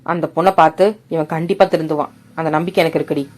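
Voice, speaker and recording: Woman doing a gruff, stern rich father. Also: sits low, steady tone, very fast, voice pushed down. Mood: reassuring. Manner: gruff, commanding. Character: stern middle-aged father, head of rich family.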